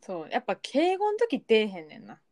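A woman's voice: mid-range voice, huge pitch swings, a little fast, darkish tone, no echo, studio quality. A woman with a Kansai accent co-hosting a podcast, chatting casually and reading out listener mail. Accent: Kansai Japanese. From Kansai, Japan. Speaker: podcast co-host.

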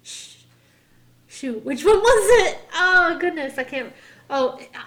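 A woman's voice: extremely high pitch, lively intonation, slow, fairly bright tone. A woman co-hosting a casual movie podcast, bubbly and teasing, laughing often. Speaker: podcast co-host. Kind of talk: casual movie review chat.

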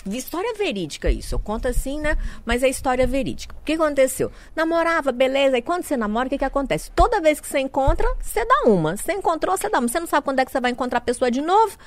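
A woman interviewer telling stories with animated energy. Her voice sits a little high and swings widely in pitch. The sound is dry and close. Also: rapid-fire, hardly any pauses, no echo. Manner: lively, animated storyteller. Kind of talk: casual chat.

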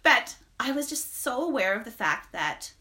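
Woman in her 30s, kinda high voice, rambly faith podcast chat, laughs a lot. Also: sing-song, moderate pace, sharp tone. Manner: rambling, reflective, laughs often. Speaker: podcast co-host.

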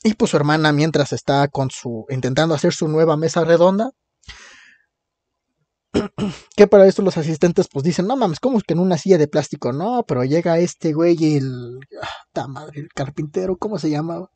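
A man's voice: fairly high pitch, normal speed, warm tone, no echo. A man with a Mexican accent casually recapping a comic, full of slang and laughter. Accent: Mexican Spanish. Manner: slangy, laughing plot retelling. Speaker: podcast host recapping a comic. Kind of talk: casual chat.

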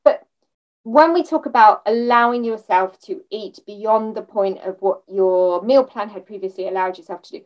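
A woman's voice: mid-range voice, normal speed, far from the mic, dull audio. A woman hosting a conversational interview, asking long, thoughtful, reflective questions. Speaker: podcast host.

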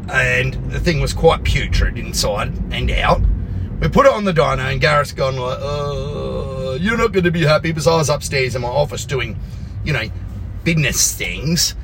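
A man's voice: mid-range voice, gravelly, noisy background. An Australian man telling a casual workshop anecdote, blunt, sweary and sarcastic, acting out the dialogue as he goes. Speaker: car workshop owner and storyteller.

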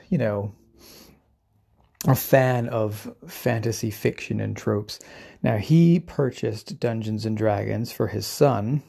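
A man's voice: mid-range voice, creaky, mellow. A man hosting a solo podcast, explaining things in an informal, discursive lecturing way. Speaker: podcast host.

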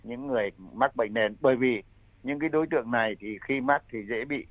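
An older man explains public health advice as an expert guest, in halting, repetitive phrasing. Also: medium pitch, dry recording. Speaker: medical expert guest, senior health adviser. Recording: thin phone-like line.

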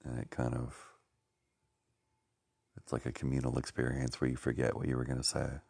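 A man musing slowly and haltingly, searching for words with many pauses and fillers. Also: rumbling low, completely flat delivery, vocal fry, darkish tone, dry recording. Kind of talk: rambling reflective talk.

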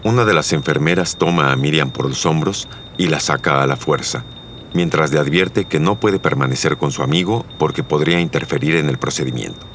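A man narrating a drama in a measured, solemn way. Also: rumbling low, a bit bright, slight background noise.

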